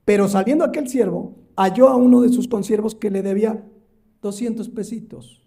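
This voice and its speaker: Emphatic pastor, high mellow voice. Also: male voice, moderate pace, creaky. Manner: emphatic, rising and falling for stress; acts out quoted voices in the parable. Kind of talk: sermon.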